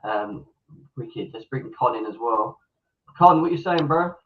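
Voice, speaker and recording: A man's voice: mid-range voice, animated, a little slow. Muffled, underwater-sounding British man hosting football chat. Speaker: host of a football fan show. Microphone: malfunctioning microphone on a remote call. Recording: muffled, phone-like, underwater-sounding faulty mic.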